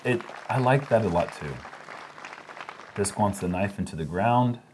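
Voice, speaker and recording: A man's voice: on the low side, measured pace, a little mellow, a faint crowd, a little hiss or hum. A man doing casual play-by-play commentary on disc golf.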